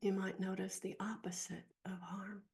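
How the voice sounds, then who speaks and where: A woman leads a meditation with a soft, husky, mellow voice that has a hint of creak. She speaks gently and slowly at medium pitch and a level tone, leaving long pauses between short phrases.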